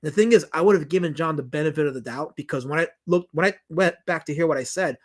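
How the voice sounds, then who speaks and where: A New York man with a fairly high voice talks at a quick pace while hosting a casual livestream Q&A about his documentary work. Reading comments aloud, he answers emphatically, wandering, restarting and repeating.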